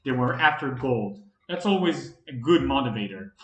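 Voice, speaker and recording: A man reading fantasy audiobook narration in a dramatic, expressive way. The recording is roomy. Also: mid-range voice, normal speed. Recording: roomy echo.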